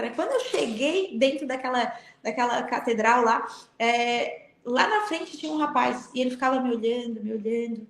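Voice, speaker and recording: Woman, middle-aged guest, animated storyteller who acts out voices; lightly high voice, roomy sound. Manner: animated storyteller, acting out dialogue. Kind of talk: spiritual testimony in a live chat. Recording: echoey room.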